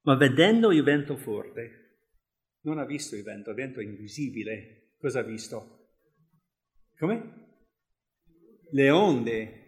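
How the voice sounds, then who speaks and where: A man's voice: mid-range voice, very animated, slow pace, pauses often. A man giving an informal sermon. He reads Bible passages aloud, talks conversationally, often chuckles, and restarts his sentences. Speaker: preacher.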